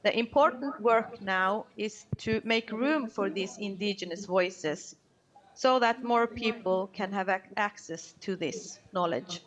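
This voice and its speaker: A woman delivers a research talk at a conference, taking her time over each phrase. Her pace is slow and deliberate, and her tone is explanatory and steady, with the occasional pause to find a word. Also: mid-range voice, crowd noise, rough recording. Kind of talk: prepared conference presentation.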